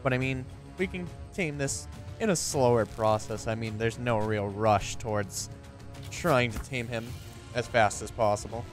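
A man casually commenting on his own gameplay, chatty and excitable, talking to his viewers and to the animals in the game. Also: medium pitch, measured pace, faint music behind. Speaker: gameplay streamer.

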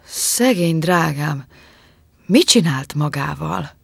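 A woman's voice: low voice, lively intonation, gravelly, husky, dry recording, studio quality, exaggerated voice. A woman voicing an anxious, tender young man in an audiobook, urgent and caring.

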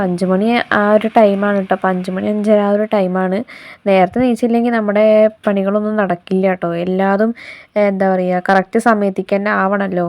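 A woman's voice: mid-range voice, darkish tone. A woman vlogger with a slight head cold, chatting in a homely way and explaining each step as she narrates her morning cooking routine. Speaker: vlogger and homemaker. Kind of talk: casual day-in-my-life narration while cooking.

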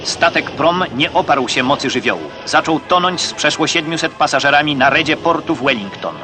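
A man's voice: a little high, lively intonation, brisk. Man narrating an old 1960s newsreel. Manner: crisp, declamatory, occasionally wry. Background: music.

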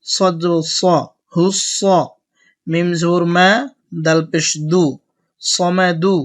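A man's voice: sits high, little pitch movement, clean tone. Man teaching Quran letter by letter. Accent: Bangladeshi Bengali. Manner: slow, drawn-out recitation alternating with brisk explanation. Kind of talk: spelling-out Quran lesson.

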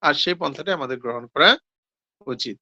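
Male seminar speaker, bright gravelly voice, self-answered questions, dull lo-fi sound. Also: medium pitch, fairly quick. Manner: explains with rhetorical questions and answers; hesitant, with fillers and self-corrections. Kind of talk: devotional scripture talk.

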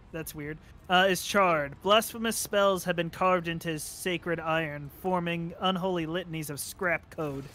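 A man's voice: fairly high pitch, a bit bright, a little hiss or hum. A man narrating a tabletop role-playing game as game master, reading descriptions with casual asides.

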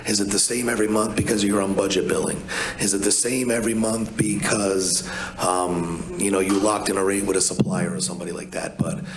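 A man's voice: low voice, steady tone, a little fast, roomy sound, a crowd in the background, low-quality recording. A man, talking bluntly and casually on a conference panel, with many restarts. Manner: blunt, chatty, with many restarts and "you know". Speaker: energy advisor on a conference panel. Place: large hotel conference room.

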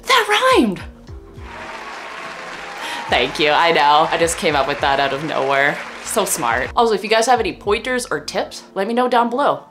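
Chill stoner girl vlogging, kinda low voice, slangy and giggly, super casual. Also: a little fast, few pauses, over music, a crowd in the background. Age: young adult. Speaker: vlogger and streamer. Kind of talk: casual chatty vlog. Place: small indoor room at a desk.

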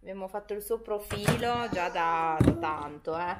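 Heavy background noise surrounds this mid-range female voice, which moves at a moderate pace. The speaker, a young mom and vlogger, films herself handheld around her kitchen and living room, talking chattily and explaining things to her audience.

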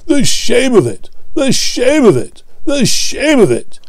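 A man voicing a big, proud male steam engine who grumbles and complains, in a high raised voice. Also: wildly swooping pitch, slow pace, dry recording, full character voice. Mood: grumbling.

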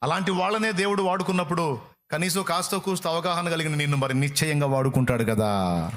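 A man preaching a sermon, impassioned, swinging from loud appeals to hushed pleading. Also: fairly high pitch, fairly quick.

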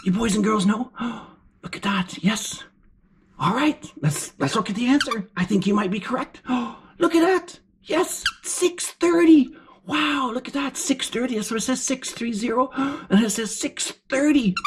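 A woman voicing an excitable, encouraging furry puppet as a kids show host, with gasps and exclamations while teaching children. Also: on the high side, measured pace. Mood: excited, encouraging. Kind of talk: children's lesson, sing-out praise and questions. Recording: clear background noise.

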